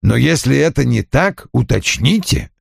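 A man's voice: mid-range voice, sing-song, unhurried, gravelly, no echo, clean studio sound, exaggerated voice. Man voicing a curt, clipped old detective. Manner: terse and clipped. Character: curt, demanding older male detective.

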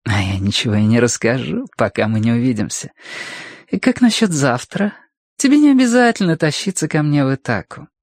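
A man's voice: mid-range voice, sing-song, fairly quick, dry recording, clean studio sound. A man reading an audiobook voices a flirtatious woman gallery owner who purrs and teases. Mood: purring, teasing. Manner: purring, teasing, playful.

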